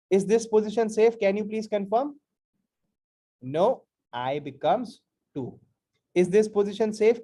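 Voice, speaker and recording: A man's voice: high-pitched, warm tone. A man with a North Indian accent giving an interactive coding lecture, emphatic and repetitive, often quizzing his listeners with rhetorical questions. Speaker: programming teacher.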